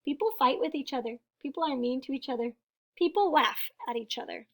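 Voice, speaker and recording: A woman storybook reader and teacher with a high-pitched voice reads a picture book aloud to kids. Her phrasing is deliberate, with weight on important words, and she explains simply, as a teacher would to young listeners.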